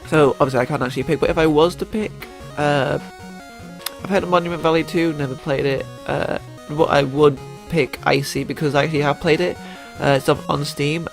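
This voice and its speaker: A young YouTuber with a cold gives casual gaming commentary, running through his picks in a stuffy, fairly high voice with vocal fry. He rambles, using lots of fillers and restarting often.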